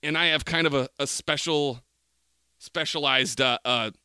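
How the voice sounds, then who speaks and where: A man's voice: a little high, measured pace, bright, forceful tone, clean tone, dry recording, studio quality. A middle-aged man, telling a rambling, profane story as a podcast co-host. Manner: rambling, profane, exaggerated rants. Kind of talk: casual chat, storytelling.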